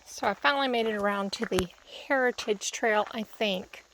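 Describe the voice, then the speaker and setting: A woman narrates a casual travel vlog at a medium pitch. She muses aloud in short, loose fragments as she hikes along. The recording is amateur and outdoors, with faint noise and insects around her voice. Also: normal speed. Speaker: vlogger.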